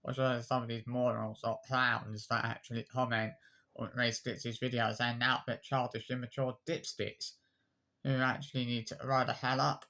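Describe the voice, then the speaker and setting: A twentysomething man who comments on YouTube delivers an unscripted, defensive rant to camera at normal speed, his medium-pitched voice pushed and bright with little pitch movement. Sounding aggrieved, he repeats himself, restarts phrases and lists insults.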